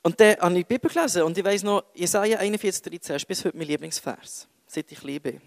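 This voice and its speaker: A man's voice: high voice, quick pace, vocal fry, no room sound. A young man with a Swiss German accent giving a casual, self-mocking sermon full of jokey asides. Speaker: youth preacher.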